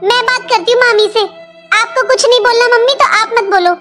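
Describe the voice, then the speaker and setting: Woman as an outspoken little girl, high childlike voice, faint music behind. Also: fairly quick. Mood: pleading. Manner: pleading, childlike. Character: young girl, outspoken and hurt. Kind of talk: family drama acting.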